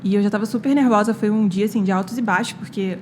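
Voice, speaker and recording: A young Brazilian woman talks quickly and casually, retelling events with quoted dialogue and plenty of fillers. Her voice sits at a middle pitch, with faint ambient noise in the background. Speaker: guest, medical student. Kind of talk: casual podcast storytelling.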